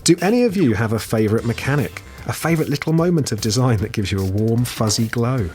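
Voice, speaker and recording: A man's voice: mid-range voice, lively intonation, fast, darkish tone, soft background music. Hesitant man chatting on a podcast. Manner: thoughtful, hesitant, with many fillers and restarts. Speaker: guest game designer. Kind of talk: casual podcast chat.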